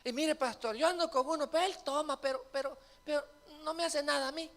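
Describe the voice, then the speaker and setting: A man's voice: extremely high pitch, brisk, gravelly, fairly bright tone, pitched above the performer's own voice, full character voice. Man doing a pleading, desperate churchwoman. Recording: reverberant church hall.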